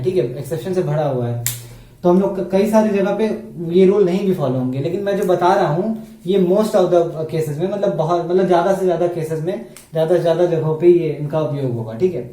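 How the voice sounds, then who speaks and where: A man teaches a beginners' grammar lesson, asking his own questions and answering them step by step. His voice sits a little high but sounds mellow. He is recorded from a distance in an echoey room.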